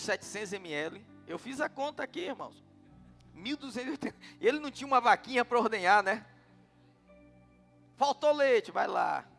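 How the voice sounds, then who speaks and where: Brazilian portuguese accent, middle-aged male pastor, sermon, high bright voice. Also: long reverb tail. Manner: storytelling, asking the congregation questions.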